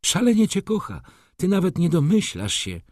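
Reading from a book, a man plays an excitable old shop clerk who fusses and coaxes in a raised, lively voice that jumps up and down. The talk is eager and chattering, and the close, dry, echo-free recording carries no room sound. His voice is mid-range but pushed up, his pace unhurried, and he sounds eager and pleading.

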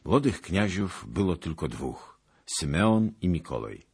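Male audiobook narrator, very deep and husky, measured. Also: very animated.

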